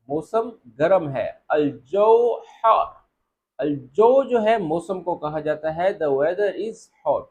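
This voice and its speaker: A man teaching spoken Arabic phrases, saying each phrase slowly and more than once before explaining it. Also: on the high side, darkish tone, breathy edge. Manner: repeats phrases slowly and drawn out, then explains. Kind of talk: spoken language lesson.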